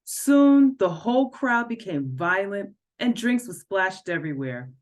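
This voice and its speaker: A woman's voice: mid-range voice, big pitch swings, normal speed. A woman reading an excerpt of her own novel aloud, telling the story expressively.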